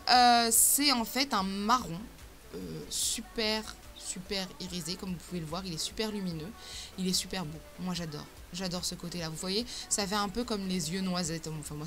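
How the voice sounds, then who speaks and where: A woman's voice: lowish voice, fairly bright tone. A woman beauty vlogger talking through a makeup tutorial in a casual, chatty way, with many fillers and self-corrections.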